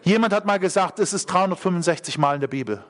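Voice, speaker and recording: Middle-aged preacher guy, high lively voice, keeps repeating lines and quizzing the crowd. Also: fast. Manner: emphatic, repeats key phrases, asks congregation questions. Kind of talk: sermon.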